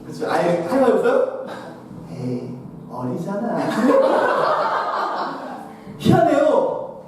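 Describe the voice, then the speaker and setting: A male pastor delivers a playful seminar lecture, peppering the room with questions. His voice sits high and swings widely. It is picked up from a distance in a big, echoey hall. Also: extremely slow, very noisy. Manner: lively, questions the audience, acts out scenes.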